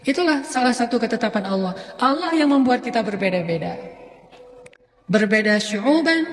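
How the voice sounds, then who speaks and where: A male Islamic preacher giving a relaxed, humorous sermon, acting out everyday examples. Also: very high-pitched. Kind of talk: casual conversational sermon. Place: lecture hall or mosque hall. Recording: long hall reverb.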